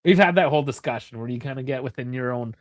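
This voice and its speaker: A Canadian man in his thirties with a mid-range voice talks fast on a dry, studio-quality recording. He co-hosts a soccer watchalong, chatting loosely and rambling, with frequent laughs and swearing.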